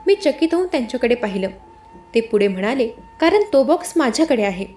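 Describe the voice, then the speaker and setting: Female narrator, high register, steady dramatic first-person storytelling, faint music bed. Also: brisk.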